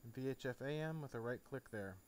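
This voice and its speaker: Brisk and medium-pitched, a man delivers a casual, step-by-step flight simulator tutorial. Steady background noise is clearly heard, while the game itself is silent.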